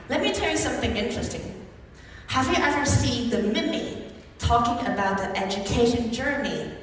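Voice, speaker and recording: A young woman from Taiwan with a Taiwanese accent, giving an animated competition speech in English with emphatic rhetorical rises. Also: a little high, slight background noise. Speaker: speech contestant. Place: large conference hall. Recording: echoey hall from far off, faint ambience.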